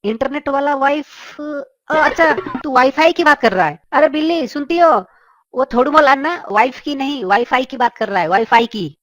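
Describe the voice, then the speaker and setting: A woman voicing a gruff, short-tempered male neighbor, in a high pitch-shifted cartoon voice, barking slangy insults. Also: normal speed, fairly bright tone. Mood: scornful.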